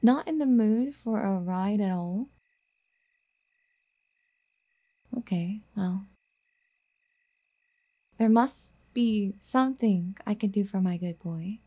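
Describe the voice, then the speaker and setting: A woman plays a doting, obsessive, clingy yandere girlfriend who is wealthy and apologetic, in a soft, half-whispered ASMR roleplay. Her husky, soft mid-range voice moves slowly as she coos and coaxes with pet names, eager to please.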